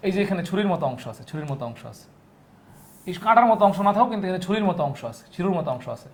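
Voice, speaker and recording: A young man from Bangladesh teaching a live online biology class, going through exam questions, repeating each point several times and calling out viewers' names from the comments. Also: high-pitched.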